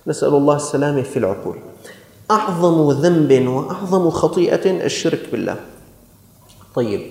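A man's voice: a little high, a little mellow. A man preaching a sermon in an earnest, rhetorical storytelling manner, with echoey hall reverb.

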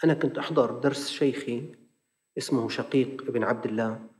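Male Levantine preacher, quick and animated, acts out his stories, recorded with a lingering hall reverb. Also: medium pitch. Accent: Levantine Arabic. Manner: animated storyteller acting out dialogue. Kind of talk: sermon lesson with storytelling.

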